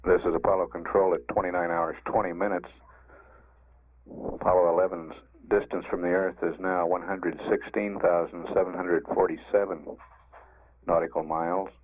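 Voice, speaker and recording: A low-voiced man reads formal mission status updates in a flat, measured tone. The sound is a slightly dull archive radio broadcast, and his delivery is strictly factual. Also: a little hiss or hum. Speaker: mission control public affairs announcer.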